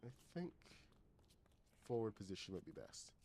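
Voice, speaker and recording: A man's voice: lowish voice, sing-song, moderate pace, no room sound. A middle-aged man from Barbados chatting casually and rambling with many fillers while he streams a building game. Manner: rambling, filler-heavy, greets chat loudly. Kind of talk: casual gaming livestream chat.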